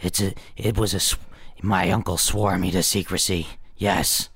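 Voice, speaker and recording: A man improvising a comedy scene in a low, mumbling, deadpan delivery. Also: moderate pace, breathy edge, no echo. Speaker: comedy sketch performer.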